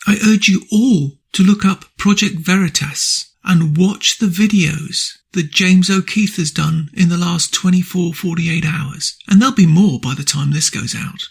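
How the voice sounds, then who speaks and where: A hoarse man with a croaky voice hosting an opinion monologue, speaking emphatically and repeating rhetorical questions. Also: high-pitched, a little slow, few pauses. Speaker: radio commentary host.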